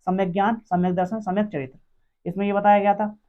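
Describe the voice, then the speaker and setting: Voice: mid-range voice, little pitch movement, fast talker. A teacher running an exam-prep quiz lesson, asking each question aloud and answering it, repeating every answer several times. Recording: dull lo-fi recording.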